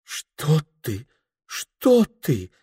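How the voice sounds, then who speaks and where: A man's voice: lively intonation, moderate pace. A man reading aloud, voicing a flustered middle-aged woman shop owner who scolds curtly and shrilly. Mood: shrill scolding. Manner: curt scolding, shrill outbursts.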